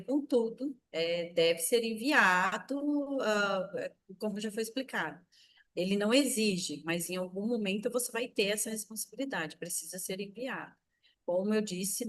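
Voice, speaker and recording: Woman panelist, businesslike answers, mid pitch. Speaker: tax official panelist. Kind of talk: answering questions on a live stream.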